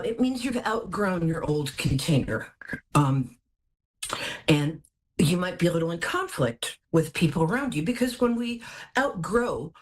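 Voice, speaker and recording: A woman hosting a casual live tarot reading, chatting to viewers in a playful, theatrical and wry way. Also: on the low side. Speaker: host, celebrity psychic.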